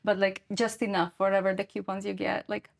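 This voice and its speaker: A woman co-hosting a podcast with a middle-pitched voice. She chats casually, jumps in with quick reactions and laughs easily. This is relaxed conversation. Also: creaky. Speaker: podcast co-host.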